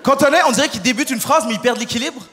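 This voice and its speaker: A young man is doing stand-up into a stage microphone, his voice high and fast. His tone is bright and sharp, and it carries a long hall reverb with a faint murmur of room noise behind it. He stays energetic throughout and often shouts. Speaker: stand-up comedian. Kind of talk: stand-up comedy set. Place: large hall on stage before a live audience.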